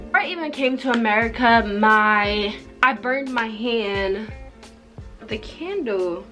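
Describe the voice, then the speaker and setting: A young woman from Jamaica talks in a fairly high voice, telling a story casually to the camera. She rambles conversationally, dropping in plenty of filler "like" as she goes. Faint music plays behind her. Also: a little slow. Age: young adult. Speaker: vlogger. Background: background music.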